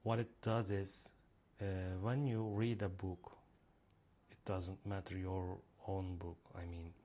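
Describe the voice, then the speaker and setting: A native Turkish speaker presents his reading app in a screen-recorded demo, his Turkish-accented voice low and dark with a flat, slow delivery. He sounds hesitant throughout, relying on many fillers.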